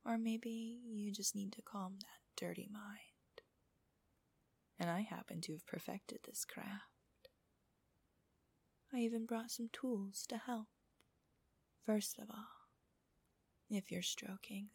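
A woman whispers softly and slowly in an intimate, teasing ASMR style. Her voice is very breathy and airy, with a crackle of fry at the edges. The sound is dry and close, and her pace is unhurried. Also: medium pitch, steady tone, dry recording. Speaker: host of erotic relaxation audios. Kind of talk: whispered ASMR audio narration for adults.

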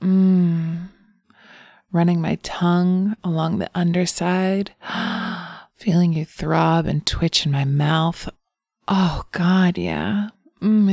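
A woman voicing a seductive, wicked female succubus in an erotic audio roleplay, teasing and breathy, sometimes dropping into whispers close to the mic. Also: fairly low pitch, darkish tone, no echo.

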